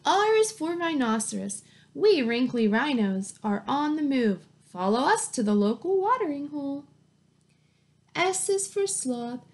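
A woman in her thirties gives a children's picture-book read-aloud as a teacher, her tone encouraging and sing-song, full of simple questions and praise. She speaks a little slowly, in a high, animated voice. The setting is a small, plain room at home, recorded with a webcam or laptop mic at arm's length.

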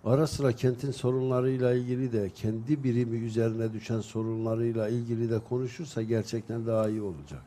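A man's voice: medium pitch, steady tone, fast talker, few pauses, warm tone, a little hiss or hum. A man chatting in a local TV studio, telling anecdotes in a casual, storytelling way. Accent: Turkish. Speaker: local TV commentator.

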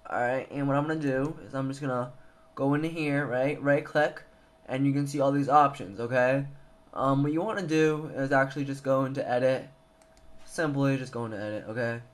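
This is a young adult man's relaxed, hesitant tutorial, recorded indoors at a computer as he thinks out loud. His voice is medium-pitched and fairly quick. The sound comes from a handheld camera mic and is noisy.

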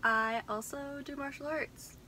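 A young woman hosts a chatty vlog and moves through a list of questions in an upbeat way. Her voice is bright and crisp and sits a little high. Faint room noise runs behind her. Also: fairly even intonation, a little slow, low-quality recording. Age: young adult. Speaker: co-host. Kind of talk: casual chat.

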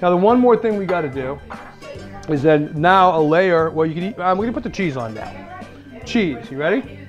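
A middle-aged man with a Massachusetts accent talks through a recipe step by step, chatty and easygoing. His voice sits high for a man. Clear music plays underneath him the whole time. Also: animated, normal speed, dull audio. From Massachusetts, USA. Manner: chatty, explains steps as he cooks, laughs at himself. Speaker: host cooking for dinner guests. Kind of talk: casual cooking demonstration. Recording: music playing behind the voice.

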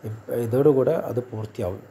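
A man's voice: medium pitch, brisk, dark tone, slight background noise. A man walking viewers step by step through an online task, often asking and then answering his own questions. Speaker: tutorial vlogger. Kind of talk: screen-recorded how-to walkthrough.

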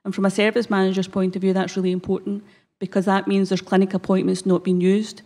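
This woman talks quickly in a level, medium-pitched voice that's a little mellow, her broad Scottish accent pointing to the Glasgow area. A health service manager, she gives a prepared conference presentation on stage at a lectern gooseneck microphone, somewhat hesitant and often saying um.

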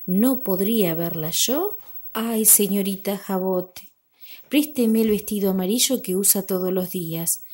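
A woman voicing a sweet, humble young girl in a storybook, speaking gently and pleadingly. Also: medium pitch, a little slow, lightly acted. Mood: wistful.

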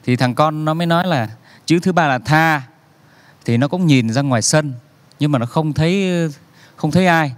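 A man telling a joke as a story, relaxed and unhurried, slowing down for effect and acting out the characters' lines. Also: on the high side, dry recording. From Vietnam.

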